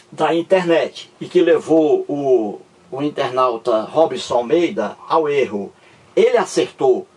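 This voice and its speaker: Sounding distant from the mic, a man teaches a grammar lesson in a slow, repetitive way, his voice a little husky and lively in pitch. He patiently explains the point and checks again and again that his listeners understand.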